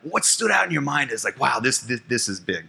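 A man moderates a panel and keeps the guests talking with encouraging prompts and frequent laughter. His voice is very bright and swings widely in pitch. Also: very animated, fairly quick, vocal fry, breathy edge.

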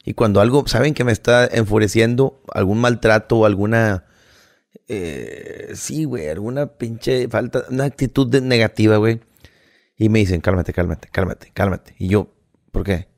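Mexican-accented co-host, gravelly voice, heated and profane. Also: male voice, fairly low pitch, moderate pace. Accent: Mexican Spanish. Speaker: podcast co-host. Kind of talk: casual chat.

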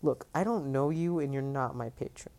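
A man's voice: mid-range voice, moderate pace, vocal fry, darkish tone, close to an everyday voice. A man reading aloud, voicing a young male demigod hero who is confused and defiant, in a raised, pushy tone. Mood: baffled.

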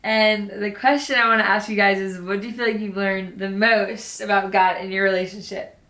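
A young woman in an echoey room chats as an interviewer. Her voice is mid-pitched and quite flat in melody, with an informal, agreeable way of talking. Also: a little fast. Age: young adult. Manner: agreeable, informal, frequent backchannels. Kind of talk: casual chat. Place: room at home. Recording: roomy, echoing indoor sound.

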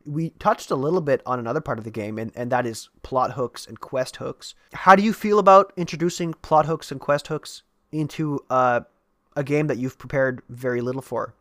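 A man chatting about running tabletop role-playing games, telling stories with lively energy and frequent restarts. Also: medium pitch, moderate pace, dry recording, studio quality. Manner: animated storytelling, many restarts. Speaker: podcast co-host and game master.

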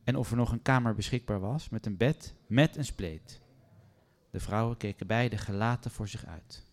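A man reading a first-person story aloud in a calm, measured way. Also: fairly low pitch.

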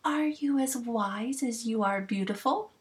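A woman voicing a lovestruck fairy queen who speaks softly and dotingly. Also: a little high, measured pace, voice pushed up, natural voice.

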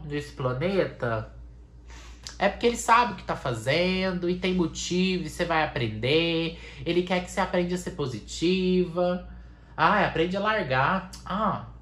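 A woman hosting a podcast, leading a playful mock guided meditation with long sighs and slow drawn-out phrases. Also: lowish voice, animated. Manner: sighing mantra-like "ai, ai", slow drawn-out soothing phrases, swearing offhandedly. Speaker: podcast host. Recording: roomy echo.

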